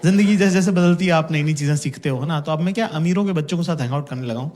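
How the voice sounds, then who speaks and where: High-voiced man doing stand-up. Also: rapid-fire. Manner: animated storytelling, acting out family voices. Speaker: stand-up comedian. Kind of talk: stand-up comedy set. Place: stage before a live audience. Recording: loud crowd laughter, noisy live venue.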